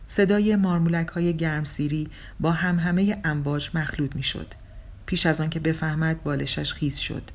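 A woman calmly reading a story aloud as an audiobook narrator. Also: deep voice. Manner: calm, measured storytelling.

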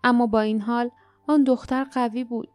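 A woman narrating a fantasy audiobook in a measured, expressive storytelling voice. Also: a little high, no echo, soft background music.

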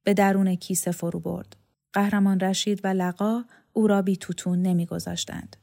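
A woman narrating a novel in a measured, even storytelling voice. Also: mid-range voice, creaky. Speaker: audiobook reader. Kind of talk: scripted narration.

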